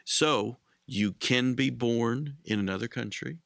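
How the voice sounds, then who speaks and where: A man co-hosting a casual discussion, explaining things in a measured way. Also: mid-range voice, vocal fry, a bit bright, no room sound, clean studio sound. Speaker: co-host.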